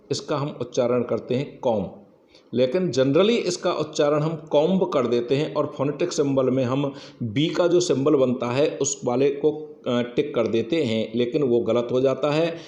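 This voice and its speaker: A man's voice: mid-range voice, measured pace, dark tone, echoey room, muffled recording. A man giving an exam-prep English lesson, explaining rules step by step and often saying "yes, friends". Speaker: English teacher.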